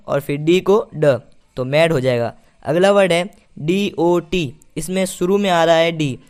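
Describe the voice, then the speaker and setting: High-voiced man teaching pronunciation. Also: clear, resonant tone. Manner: patient, repeats key points as questions. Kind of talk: spoken lesson.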